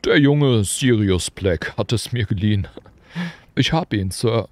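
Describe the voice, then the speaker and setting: A man voicing a huge, soft-hearted male giant who speaks in a rough, folksy way. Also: on the low side, lively intonation, measured pace, no echo, pitched above the performer's own voice. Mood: earnest.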